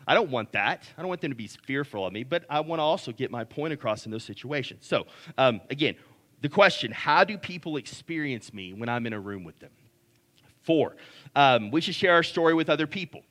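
Brisk and expressive, this deep-voiced male pastor has a fairly bright tone. His sermon is conversational, with lots of restarts, repeated words, and regular "right?" checks.

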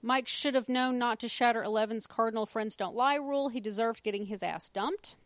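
A woman's voice: a little high, a little fast, dry recording. A woman with a Southern US accent co-hosting a casual podcast, reading listener notes aloud with wry, profane asides. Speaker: podcast host.

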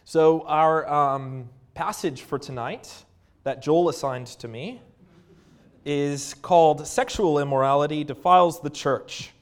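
A man's voice, on the high side, carries a Canadian accent as he preaches. He reads scripture and offers prayer earnestly, with many pauses and filler words.

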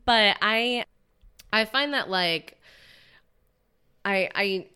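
A woman's voice: medium pitch, drawn-out words, sharp tone, clear, resonant tone. A woman in her twenties, a podcast guest talking about her acting career in an earnest, rambling way, full of likes and restarts. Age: 20s. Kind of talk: casual podcast interview.

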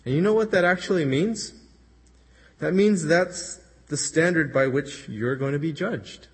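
Husky-voiced man preaching in a reverberant hall. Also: on the high side, unhurried. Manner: earnest, conversational retelling with quoted voices. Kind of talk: sermon.

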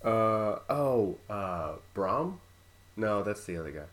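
A man co-hosting a casual podcast chat, reacting with quick interjections and laughs. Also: fairly low pitch, animated, fairly bright tone.

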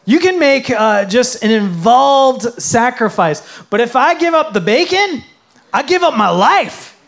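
A man preaching who voices an excitable male pig in a sermon fable, squealing in disbelief. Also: very high-pitched, measured pace, creaky, voice pushed up, full character voice. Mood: incredulous. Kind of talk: sermon illustration.

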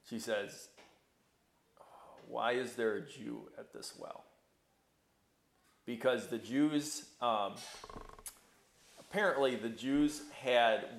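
A man's voice: mid-range voice, vocal fry, a bit bright, roomy sound. A man leading a Bible study class in a conversational way, asking the class questions.

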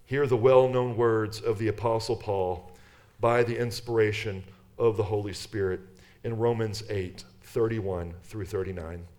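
A man's voice: lowish voice, steady tone, measured pace, darkish tone. A man preaching a sermon, reading scripture with earnest emphasis and then leading a prayer. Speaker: pastor.

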